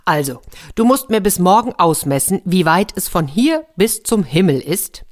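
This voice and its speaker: A proud storybook king barking orders and scoffing at answers, in a deep, low voice, as a woman reads him. he sounds commanding and quick to doubt. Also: big pitch swings. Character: stern proud king, middle-aged man.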